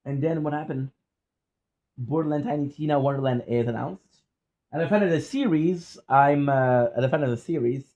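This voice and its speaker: A man with a French accent telling personal stories in a casual, rambling vlog style, often halting to repeat and correct himself. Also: medium pitch, dark tone, lo-fi sound. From France or French-speaking region. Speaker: content creator.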